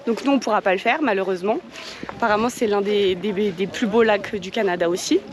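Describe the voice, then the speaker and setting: A woman with a medium-pitched voice talks fairly quickly as she narrates a casual travel vlog. She rambles, hesitates often and giggles between sentences.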